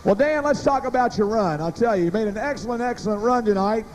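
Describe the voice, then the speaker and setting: High-pitched excited male arena sports announcer. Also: fast talker. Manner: showmanlike, building suspense. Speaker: tractor pull announcer and interviewer. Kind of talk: excited live sports commentary to an arena crowd. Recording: live arena sound with faint engine noise.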